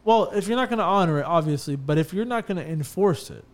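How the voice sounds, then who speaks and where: A man who runs a bathtub refinishing business chats casually on a podcast, speaking quickly in a voice on the high side. He's an animated storyteller, full of fillers and restarts.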